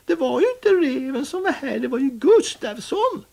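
A man voicing an excitable young male cat in a storybook reading, squealing and shouting. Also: very high-pitched, creaky, voice pushed up, exaggerated voice. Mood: indignant. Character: cocky excitable male kitten, high and shrill.

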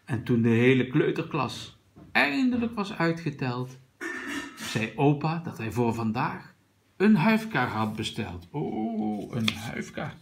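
A man reading a children's picture book aloud to a young child, gently pointing out what is in the pictures. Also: mid-range voice, big pitch swings, measured pace, slight background noise. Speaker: reader of a children's story.

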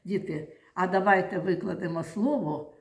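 A woman's voice: on the low side, normal speed. A woman teaching a lesson to young children in a classroom, patient and coaxing, often praising them. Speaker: primary school teacher. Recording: echoey classroom.

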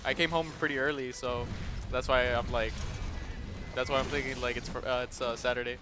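A man's voice: mid-range voice, level tone, fairly quick. A young man in the middle of his range talks loosely over his game at home, rambling and cursing freely. He laughs often and keeps the chat easygoing. Game music plays behind his voice. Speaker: gaming video host. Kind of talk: casual gameplay commentary.

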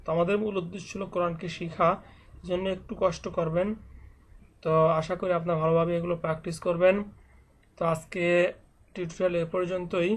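A man teaching Quran reading online, slowly spelling out Arabic syllables one by one and patiently repeating them for practice. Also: high-pitched, flat delivery. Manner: slow, drilled spelling-out of syllables. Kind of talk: online recitation lesson.

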